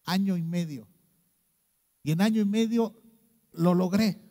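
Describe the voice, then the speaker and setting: A middle-aged man with a Mexican accent preaching a sermon, swinging between loud outbursts and hushed low lines. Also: a little slow. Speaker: pastor. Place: church. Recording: long reverb of a church hall.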